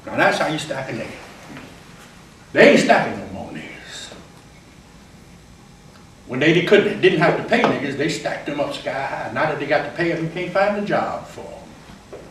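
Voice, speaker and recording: Man voicing a bitter, mocking play character, quick rhythmic patter, heard from across a roomy classroom. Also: on the high side, expressive, fairly bright tone, slight background noise. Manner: rapid, rhythmic, sardonic storytelling. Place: college classroom. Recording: roomy classroom recorded from far off.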